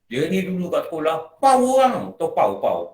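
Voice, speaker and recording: A man's voice: fairly high pitch, huge pitch swings, normal speed, a little mellow. A man with a Malaysian Malay accent gives a morning religious lecture in a prayer hall, talking conversationally and often asking his listeners questions. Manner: conversational, asks the audience questions. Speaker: religious teacher.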